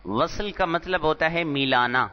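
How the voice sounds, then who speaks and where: A man teaches Arabic terms in a slow, deliberate lecture and repeats each term for his students. His voice sits a little high. The recording is dull and lo-fi, and it has a long reverb like a large hall. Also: clean tone.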